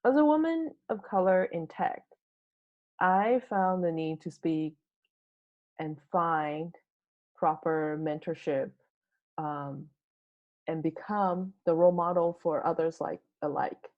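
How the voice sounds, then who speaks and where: A woman from Taiwan gives a prepared tech talk in a measured, explanatory way. Her voice sits fairly low for a woman. The audio is dull and lo-fi, like a home recording for an online event. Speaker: conference speaker.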